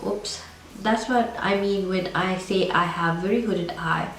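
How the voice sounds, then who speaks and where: This beauty vlogger has a medium-pitched, slightly bright voice and a measured pace, made scratchy and congested by a cold. She chats in a rambling, casual manner through a makeup review, recorded in an echoey room far from the mic with faint noise.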